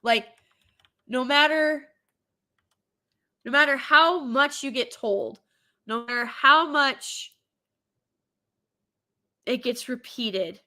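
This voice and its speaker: Her nose stuffed up from a cold, the woman hosting this commentary show talks at a slow pace with long pauses. She sounds bright and biting, a touch higher than typical, staying animated and opinionated while tossing in mocking impressions.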